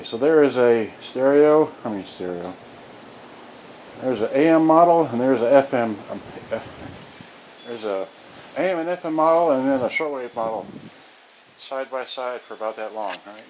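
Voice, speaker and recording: A vlogger shows off vintage electronics in a casual, unscripted unboxing, rambling and muttering to himself as he works. His mid-range voice is animated but a little slow, with frequent pauses. The recording sounds roomy, with a distant mic and loud background noise.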